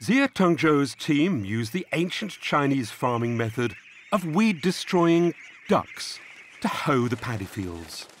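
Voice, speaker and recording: A man giving measured, scripted documentary narration. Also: medium pitch, big pitch swings, noisy background.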